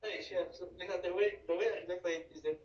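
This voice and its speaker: A male student speaks up during an online class and answers hesitantly. His voice is quite high for a man, and it comes through a video call that sounds distant and echoey. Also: fairly even intonation, fast talker, darkish tone, highs cut off.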